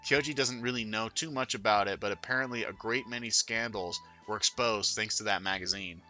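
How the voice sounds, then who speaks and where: Let's-play host, man, reads game text with crude asides; bright, forceful voice. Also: fairly low pitch, a little fast, faint music behind. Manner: profane, offhand asides between read lines. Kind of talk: reading a visual novel aloud with commentary.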